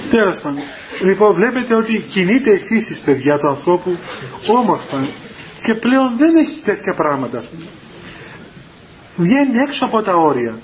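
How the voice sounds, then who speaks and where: A man's voice: high voice, sing-song, long pauses. A man giving a storytelling homily as a monastic elder, anecdotal and chuckling, taped on an old cassette. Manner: anecdotal, chuckling, acts out quoted dialogue. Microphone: cassette recorder in the room. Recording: dull lo-fi 1990s cassette recording with faint hiss.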